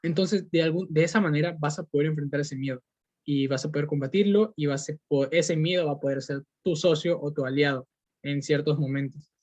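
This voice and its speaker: This podcast host's voice is fairly high, steady and a little mellow, and he speaks fairly quickly with no echo. A young Peruvian with a Peruvian Spanish accent, he gives an earnest motivational monologue riddled with fillers and restarts, recorded in dull lo-fi quality.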